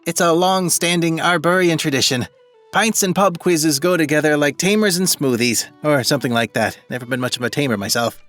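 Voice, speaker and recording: A man's voice: fairly high pitch, fairly quick, a bit bright, soft background music, voice pushed up, lightly acted. A man voicing a friendly Scottish woman pub landlady, chatty and welcoming, while reading game dialogue aloud.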